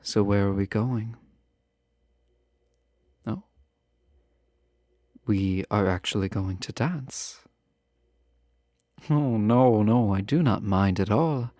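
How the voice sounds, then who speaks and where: A man with a lowish, dark-toned voice sounds surprised and reserved as he plays a refined, guarded yet fond fantasy ruler in a romantic audio roleplay. He speaks in formal, measured phrases and adds teasing asides. The recording is dry and the studio sound is clean.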